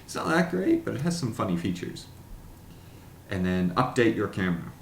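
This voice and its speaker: In a casual unboxing video, a man with a lowish, sing-song voice talks wryly to camera and stumbles through reading text out loud. There's room echo and slight background noise.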